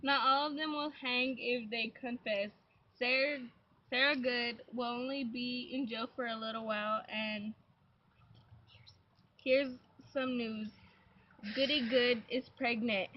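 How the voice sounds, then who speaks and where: A woman playing a self-important, defiant young servant girl in an amateur sock puppet play, declaiming haltingly. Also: fairly high pitch, steady tone. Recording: dull, noisy lo-fi home recording.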